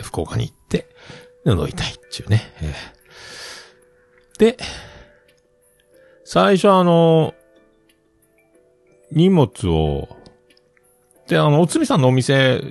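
A man's voice: fairly low pitch, a little mellow, dry recording. A middle-aged man casually rambling through a personal story, acting out the bits he quotes. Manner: chatty storyteller who acts out quoted bits.

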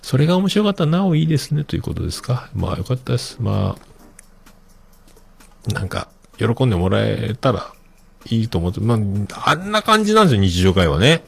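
A man hosting a casual podcast and reading listener mail, relaxed and chatty with many fillers and soft trailing ends, with a Kitakyushu accent. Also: lowish voice, a little fast, creaky, slightly rough. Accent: Kitakyushu Japanese. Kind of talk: casual solo podcast talk.

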